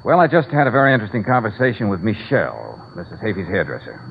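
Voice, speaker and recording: A wisecracking private detective with a wry, easygoing delivery. His voice is lowish and lively. The old broadcast is muffled and carries a faint hiss. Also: fast talker, vocal fry. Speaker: lead. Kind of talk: 1940s radio acting.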